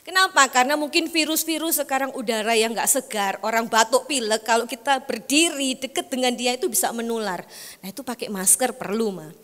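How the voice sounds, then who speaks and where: A woman's voice: on the high side, a little fast, a bit bright. Woman preaching in echoey hall. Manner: conversational, voices quoted family members. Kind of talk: sermon with acted-out family anecdotes. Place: church hall.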